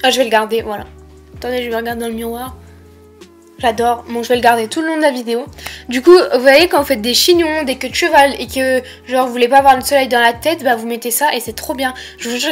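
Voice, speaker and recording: Casting: young female haul vlogger, high-pitched, lisping s, informal chatty delivery, faint music underneath. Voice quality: lisp on s sounds. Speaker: vlogger presenting a shopping haul. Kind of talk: casual chatty haul presentation.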